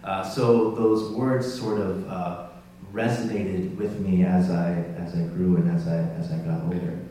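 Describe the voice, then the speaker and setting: A man preaching a sermon in a relaxed, conversational and self-deprecating way, with many restarts. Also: deep voice, unhurried. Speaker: pastor. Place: church sanctuary. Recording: roomy, distant church mic with hum.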